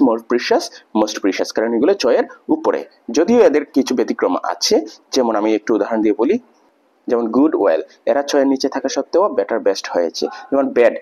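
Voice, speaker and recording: A man's voice: mid-range voice, darkish tone. A man teaching an English grammar lesson, explaining patiently step by step with many examples.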